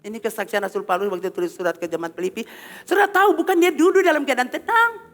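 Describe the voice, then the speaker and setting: High-voiced Ambonese Malay woman preacher. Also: fast talker. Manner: animated, calls on the congregation for responses. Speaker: pastor. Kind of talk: sermon. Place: church hall. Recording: long hall reverb.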